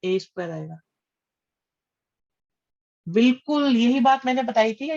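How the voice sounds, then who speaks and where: A man's voice: very high-pitched, a little mellow, muffled recording. A man teaching maths in a live online class. He calls students "beta," reads out their names, praises their answers and repeats his questions back to them.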